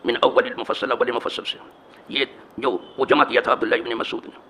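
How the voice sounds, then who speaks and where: A man's voice: medium pitch, fairly even intonation, bright, forceful tone, slight background noise. A man with an Indian Urdu accent teaching hadith as a mosque imam, telling a story with asides to his listeners and building to emphatic repetition.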